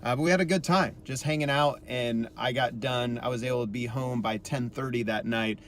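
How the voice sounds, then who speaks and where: A man in his thirties telling a self-deprecating story in a casual vlog, chatty and animated when he quotes people. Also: medium pitch, brisk, a little hiss or hum. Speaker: musician vlogger.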